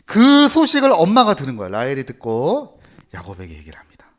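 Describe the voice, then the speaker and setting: A man's voice: on the high side, a little fast. A man preaching to children and retelling a Bible story, who stops to quiz the children with questions. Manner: lively, quizzes the children.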